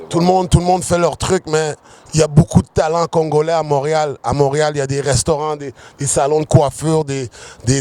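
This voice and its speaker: A man in his forties, a rapper raised in Quebec, interviewed outdoors on a city street, talking in a relaxed, rambling way and dropping English slang. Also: mid-range voice. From United States, raised in Quebec. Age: 40s. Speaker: rapper guest.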